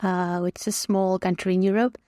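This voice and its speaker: A woman's voice: medium pitch, little pitch movement, a little fast, dark tone, no room sound, clean studio sound. A woman from Croatia, a guest on a podcast, talking casually, with many fillers and frequent laughs. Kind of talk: casual chat.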